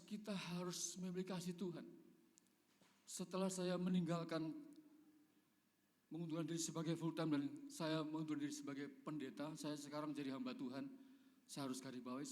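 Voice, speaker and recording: Man preaching in a reverberant church hall. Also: fairly high pitch. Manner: swings from loud emphatic calls to hushed, whispered prayers. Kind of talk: sermon.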